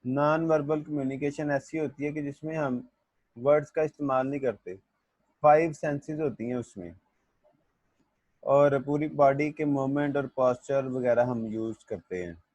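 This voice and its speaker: A male teacher lectures a class, reading English definitions slowly and explaining them in Hindi-Urdu while calling his students "beta" and checking that they understood. His voice is medium in pitch with a darkish tone. There is no room sound, and the highs are cut off.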